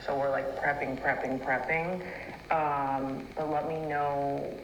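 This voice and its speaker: A woman's voice: low voice, level tone, slow pace. A woman speaking in a bubbly, chatty way in a voice message played back from a phone, as a business owner getting ready for a launch. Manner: bubbly, repeats "oh my gosh". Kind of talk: casual voice message. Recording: echoey voice message with faint noise.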